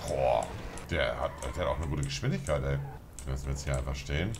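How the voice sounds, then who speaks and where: A man's voice: very deep voice, fast, background noise. A man streaming a crime-game role-play, talking in swaggering street slang and swearing a lot.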